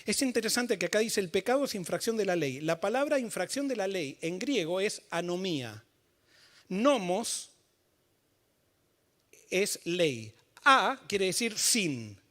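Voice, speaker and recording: High-voiced man preaching a sermon. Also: very animated, a little slow. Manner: explains scripture with illustrative stories; builds to emphatic, forceful delivery. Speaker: pastor. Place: church.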